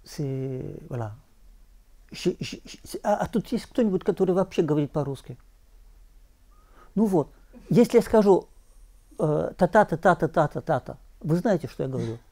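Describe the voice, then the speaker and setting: A man talking as a literary translator before an audience, halting, repeating words and chanting verse rhythms. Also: a little high, lively intonation, warm tone. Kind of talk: bookshop talk with audience.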